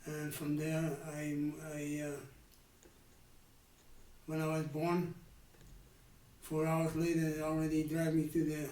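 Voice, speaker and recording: A Dutch man in his nineties from the Netherlands recalls his childhood in a candid life-story interview, often halting, restarting sentences, and trailing off. His voice is a little high, monotone, and warm. The low-quality recording sounds reverberant and distant.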